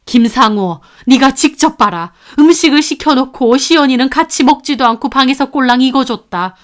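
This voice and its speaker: A woman voicing an older grandmother in a storybook, shouting furiously at her son in a high strained voice. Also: moderate pace, natural voice.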